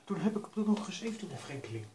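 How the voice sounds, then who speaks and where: A man's voice: high voice, fast, echoey room, low-quality recording. Dutch-speaking man narrating his own gameplay. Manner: talks to himself, coaxing himself to stay calm. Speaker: gaming YouTuber. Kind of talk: casual gameplay commentary.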